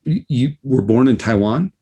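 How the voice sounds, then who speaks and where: A man hosting a casual interview, talking in a halting, reflective way with many restarts. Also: medium pitch, lively intonation, dark tone, slightly rough. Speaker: podcast host.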